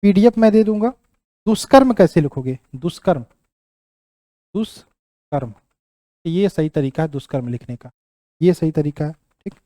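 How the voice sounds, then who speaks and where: Checking in with "ठीक" as he goes, a young man teaches an exam-prep class and keeps repeating words while he writes them out. He speaks expressively and fairly quickly in a high, mellow voice, and the audio is dry without echo.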